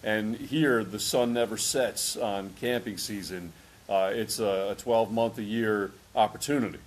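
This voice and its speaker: A man from New York with a fairly low voice talks through his time as a visiting pastor. He is earnest and measured, with hesitant fillers, in a relaxed interview. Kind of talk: casual interview talk.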